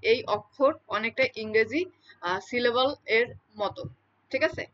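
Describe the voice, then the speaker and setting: A woman gives an explanatory lecture in a somewhat high voice. She repeats her key terms and keeps checking that her listeners follow. The recording sounds dull and lo-fi. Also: measured pace. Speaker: teacher.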